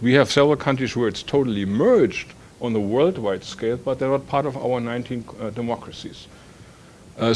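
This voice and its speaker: A man from Germany with a German accent, speaking on an academic panel and thinking aloud with many fillers and restarts. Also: medium pitch.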